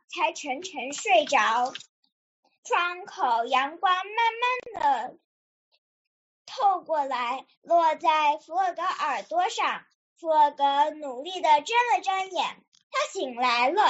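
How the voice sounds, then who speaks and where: A young girl with a high voice tells a children's story for a radio show. She reads earnestly and carefully, stumbling now and then. The recording sounds slightly muffled. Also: fairly bright tone. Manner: earnest, careful read-aloud with small slips. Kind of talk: reading a children's story aloud. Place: radio program.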